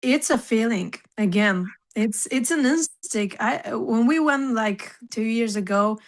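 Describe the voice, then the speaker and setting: A woman's voice: fairly high pitch, measured pace. A young woman from Serbia, a singer being interviewed, talks in loose, chatty fashion. She fills her speech with "like" and "you know" and breaks into laughter easily. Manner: chatty, laughs often, many fillers. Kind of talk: casual interview chat.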